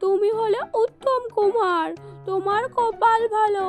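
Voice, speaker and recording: A woman's voice: extremely high pitch, steady tone, measured pace. A woman voicing a scolding, overworked landlord's wife in a cartoon. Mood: complaining. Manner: scolding, complaining. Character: nagging, overworked middle-aged landlord's wife. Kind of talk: cartoon voice acting. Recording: faint music underneath.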